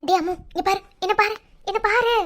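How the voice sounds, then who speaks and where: A performer voicing a caring young village woman in a cartoon, who soothes her upset friend quickly. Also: extremely high pitch, fairly bright tone. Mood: soothing.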